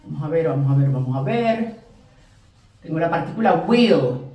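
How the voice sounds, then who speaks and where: A woman English teacher explaining grammar in a classroom lesson, repeating examples slowly and lifting her voice on the English words. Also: low voice, animated, warm tone, highs cut off. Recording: echoey room, distant mic.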